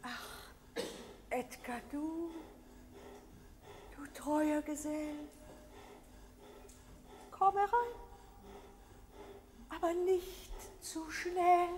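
A woman's voice: extremely high pitch, drawn-out words, long pauses, darkish tone, heavily acted. A middle-aged woman playing an imperious, delusional opera diva in a theatrical stage drama, hammy and declamatory with sung flourishes. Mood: languid, grand. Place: large dark theatre stage. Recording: echoey theatre hall with long reverb.

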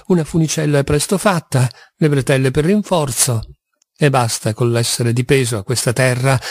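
Man playing a tormented young man, impulsive, volatile, audiobook, rather high voice. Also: a little mellow, no room sound. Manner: impulsive, swings from despair to wild exultation. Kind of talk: audiobook character reading.

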